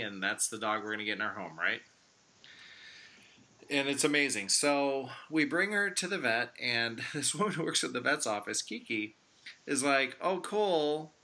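An American podcast host from Chicago chats casually and jokingly. His mid-range voice sounds pushed and bright.

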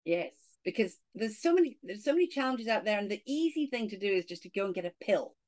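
A middle-aged woman from Scotland with a Scottish accent, a podcast guest talking in an animated way and saying "you know" a lot. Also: mid-range voice, quick pace. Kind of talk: casual interview talk.

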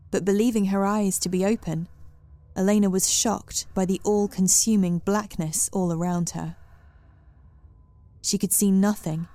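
A woman reading a dark fairy tale aloud in a measured, dramatic storytelling manner. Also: mid-range voice, dry recording. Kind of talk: scripted storybook narration. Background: faint music.

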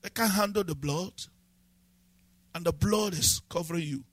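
A man preaching with a high, bright, ringing voice. His delivery has a sing-song cadence, and he builds to forceful shouted declarations. The recording is dry and close. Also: normal speed, no room sound. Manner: preaching with rising shouted emphasis. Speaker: pastor. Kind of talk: sermon.

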